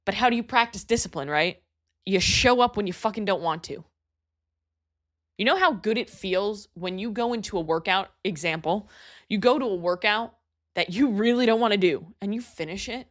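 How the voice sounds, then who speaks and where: A woman's voice: medium pitch, moderate pace, a bit bright. A young adult woman hosting a solo motivational podcast, talking emphatically and bluntly with casual swearing. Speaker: podcast host and fitness coach.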